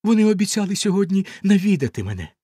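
A man voicing a high, desperate young wife. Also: sing-song, fast, dark tone, slightly rough, dry recording, studio quality, heavily acted. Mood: pleading. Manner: desperate, pleading. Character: frightened pleading young wife.

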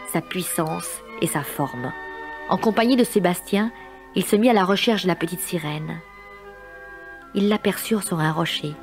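A woman's voice: medium pitch, darkish tone. A woman narrating a children's story in a scripted, dramatic style. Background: music.

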